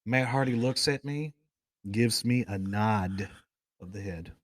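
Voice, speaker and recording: A man's voice: fairly low pitch, measured pace, dry recording, clean studio sound. A man hosting a casual talk show, telling rambling, enthusiastic fan stories with plenty of tangents. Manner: rambling storyteller, goes off on tangents. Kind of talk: casual chat.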